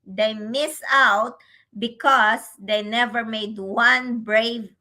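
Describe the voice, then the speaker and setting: Speaking slowly in a somewhat high, steady, sharp-toned voice, this older Filipino grandmother co-hosts a relaxed business livestream. As an online business mentor, she laughs a lot and repeats her phrases.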